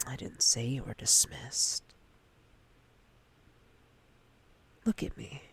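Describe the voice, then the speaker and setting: A woman plays a predatory, domineering female boss for an intimate ASMR roleplay, using a bass, full character voice with fairly even intonation. Breathy and frequently whispered, her slow delivery carries commanding, teasing menace, and she comes across as stern and intimidating.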